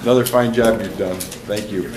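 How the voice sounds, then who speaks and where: A man serving as mayor, chairing a council meeting while under the weather, relaxed and joking, clearing his throat. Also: on the low side, normal speed. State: under the weather, cold medicine. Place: council chamber. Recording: echoey room from far off with noise.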